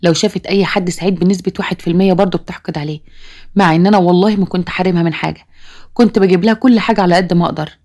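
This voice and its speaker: A woman's voice: fairly low pitch, fairly even intonation, rapid-fire, a little mellow, close to an everyday voice. Woman reading as a distressed Egyptian father. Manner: pleading, self-justifying. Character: worried divorced father, middle-aged man.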